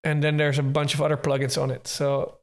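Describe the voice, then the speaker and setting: A man with a somewhat high voice talks through his music production in a casual tutorial. He thinks aloud as he goes, hedging and restarting his sentences in a relaxed way. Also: brisk, a little hiss or hum. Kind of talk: casual tutorial talk from a livestream.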